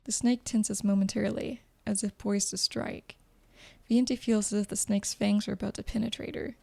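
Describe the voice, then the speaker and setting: A woman's voice: mid-range voice, level tone, moderate pace, gravelly, a little mellow. A woman reading a video game story aloud as dramatic narration. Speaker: gameplay commentator and narrator.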